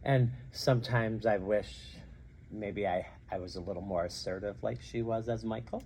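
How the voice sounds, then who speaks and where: Middle-aged man, drag show host, lowish voice, very soft mellow tone, earnest interview answers, faint background noise. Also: fairly even intonation, moderate pace, poor audio. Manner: earnest, repeats phrases for emphasis.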